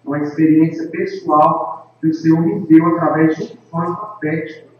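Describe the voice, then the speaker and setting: A man's voice: fairly high pitch, fairly even intonation, moderate pace, a little hiss or hum. Solemn man in an echoey room. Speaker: evangelist and worship leader. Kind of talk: earnest personal testimony to camera. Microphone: camera microphone. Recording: echoey, distant, dull lo-fi with faint ambience.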